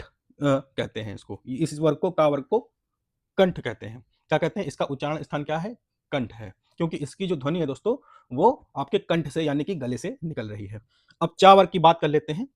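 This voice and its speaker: A man's voice: a little high, no echo, studio quality. Man teaching syllables, repeating himself. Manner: repeats points, asks and answers own questions, says "friends" often; spells out syllables slowly for practice. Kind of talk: exam-prep Hindi lesson.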